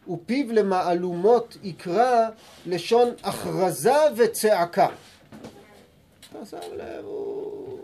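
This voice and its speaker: A man giving a Torah lesson, who reads sources slowly and calmly and acts out heated arguments in sudden loud bursts. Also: sits high. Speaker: Torah teacher.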